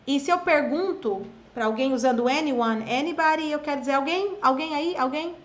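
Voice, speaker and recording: A woman's voice: sits high, normal speed. A woman with a Brazilian accent, teaching an English lesson in a casual, chatty way and drilling pronunciation patiently. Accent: Brazilian Portuguese.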